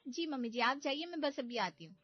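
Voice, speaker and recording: A woman's voice: high voice, animated, brisk. A woman voicing a naive, literal-minded young bride who talks in a sweet, innocent, chatty way in a cartoon story. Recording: slightly dull audio with background music.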